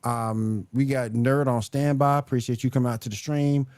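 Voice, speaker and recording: A man in his fifties hosting a livestreamed podcast in casual chat, laid-back and quick to laugh. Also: mid-range voice, steady tone, darkish tone, dry recording. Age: 50s. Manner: laid-back, laughs easily, greets guests. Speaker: podcast host. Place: home studio, livestream.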